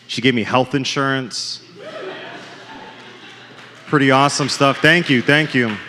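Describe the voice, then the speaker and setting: A man's voice: medium pitch, bright, forceful tone, slight background noise. A man doing a stand-up set on a comedy club stage, with self-deprecating, punchline-driven jokes, often calling the crowd folks. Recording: live club with long reverb.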